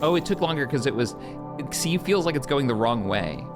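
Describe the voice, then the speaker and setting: A man commentating his own gameplay for a live stream, his pitch bouncing around a lot as he reacts. He reads tutorial prompts out loud and chats with viewers, with game music playing clearly behind him. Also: very animated, a little fast.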